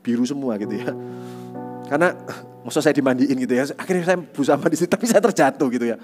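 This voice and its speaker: Male youth pastor, animated testimony sermon over soft guitar. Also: medium pitch, fast talker. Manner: animated storytelling, repeats tag phrases.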